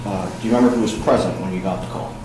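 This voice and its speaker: Halting low-voiced male attorney, echoey courtroom. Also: fairly even intonation. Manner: halting, deliberate questioning. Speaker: attorney questioning a witness. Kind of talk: courtroom examination. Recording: echoey courtroom with clear background noise.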